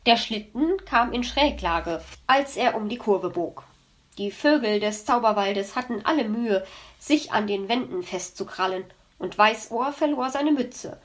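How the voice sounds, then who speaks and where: A woman reads an animal storybook aloud in a lively manner, her voice sitting a little high. She narrates clearly and switches into the characters with ease. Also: a little slow. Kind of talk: storybook reading.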